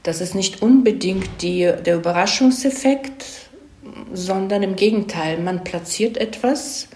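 A woman screenwriter, being interviewed, explains her craft conversationally, feeling her way toward phrases and often ending with tag questions. Her medium-pitched voice is darkish and a little slow. The recording sounds roomy and echoey.

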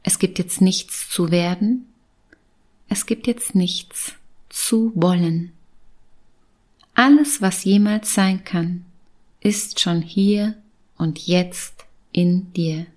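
A woman guiding a meditation in a soft, breathy spa-like whisper, soothing and gentle. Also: on the low side, extremely slow, long pauses. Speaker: meditation guide. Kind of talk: guided meditation.

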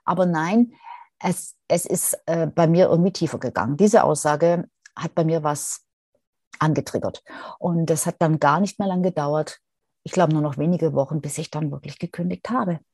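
Woman podcast host, low mellow voice, dry close sound, reflective and searching. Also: slightly rough, dry recording. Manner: thoughtful, addresses listener directly, many pauses and fillers. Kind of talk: reflective solo podcast talk.

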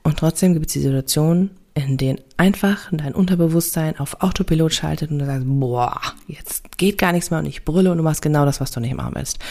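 A woman's voice: deep voice, fast talker, hardly any pauses, dark tone. A woman talking as a parenting coach and podcast host in a casual, reassuring way, often tagging her sentences with little confirming words. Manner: conversational, reassuring, fillers like ja and ne.

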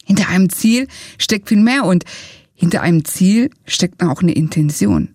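Low-voiced woman coach, dry sound. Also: animated, moderate pace, a little mellow, no echo. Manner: asks rhetorical questions, explains step by step. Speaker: coach and trainer. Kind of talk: coaching talk to viewers.

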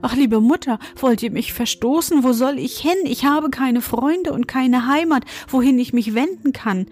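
A woman voicing a frightened young girl in a fairy tale, pleading in a raised, gentle voice. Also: expressive, a little slow. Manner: pleading, higher voice.

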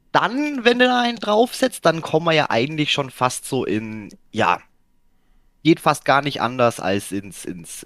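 Rambling man in a dry podcast. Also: no echo. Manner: rambling, lots of fillers and restarts, lively pitch jumps. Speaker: podcast co-host. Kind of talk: casual podcast discussion.

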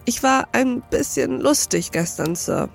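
A woman's voice: a little high, sing-song, a little slow, gravelly, exaggerated voice. Fields: Woman doing a timid, apologetic male clerk. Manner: apologetic, deferential.

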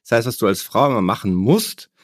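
A man in his thirties, a guest on a podcast, tells personal stories eagerly and in casual slang. He talks at a rapid clip in a low voice. The recording is dry and close, with no room sound. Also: big pitch swings, dry recording. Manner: eager storyteller, slangy, quick to agree. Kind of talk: casual chat.

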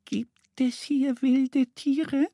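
Little duckling girl, high and bright, eager and a bit shy, voiced by a male narrator. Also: very animated, unhurried, husky, no room sound, clean studio sound, heavily acted. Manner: eager, timid at night.

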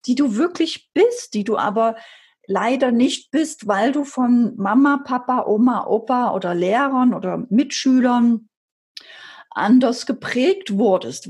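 Husky-voiced woman coaching with emphasis. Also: a little high, animated, measured pace, darkish tone. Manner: emphatic, asks and answers her own questions; repetitive, preaching cadence. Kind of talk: motivational podcast talk.

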